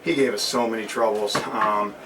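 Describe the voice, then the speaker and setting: A man's voice: on the low side, steady tone, moderate pace. A man, a head football coach, giving a postgame interview, earnest and repetitive with many ums. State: recovering breath after running. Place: outdoors at a stadium after a game. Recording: distant mic with loud crowd.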